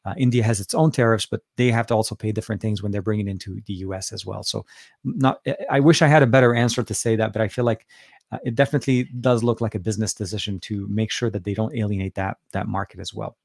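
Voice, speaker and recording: On a casual live-stream Q&A, a Lebanese host who grew up speaking Arabic answers viewers quickly in a low, steady, creaky voice with a darkish tone. He works close to a dynamic studio mic in an office, so there's no room sound, and he often uses fillers and restarts his sentences.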